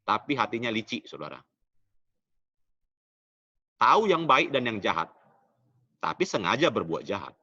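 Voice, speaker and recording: A middle-aged man preaching a sermon in a church, in an animated preaching manner that often drops low at the end of phrases. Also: measured pace, pauses often, slightly rough, dull audio. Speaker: pastor.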